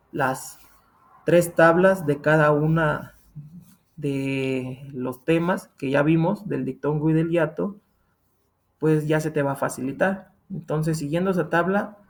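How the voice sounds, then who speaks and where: Man, Mexican accent, teacher, patient and repetitive, slightly high voice. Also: gravelly, darkish tone. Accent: Mexican Spanish. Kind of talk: explaining a grammar lesson.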